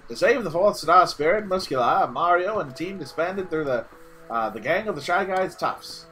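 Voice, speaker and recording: Woman, game playthrough co-host, lively intonation, casual and laughing, faint background music. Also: on the low side, moderate pace. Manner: laughs often, reads narration dramatically. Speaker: let's play co-host. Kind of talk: casual chat and reading game text aloud.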